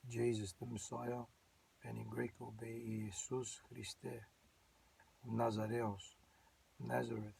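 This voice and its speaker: A middle-aged man shares his personal faith testimony, earnest and wandering. His voice sits at an ordinary pitch for a man, and he drifts between thoughts with frequent pauses and restarts. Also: slight background noise, low-quality recording. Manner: earnest, rambling, with many fillers and restarts. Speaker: channel host giving his testimony.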